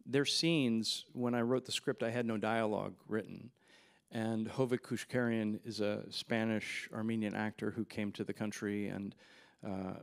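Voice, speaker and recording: A filmmaker in his forties, a guest at a festival Q&A, tells relaxed, rambling anecdotes full of fillers and laughs into a handheld mic. He's on a festival stage in front of a backdrop, and his voice is on the low side and creaky.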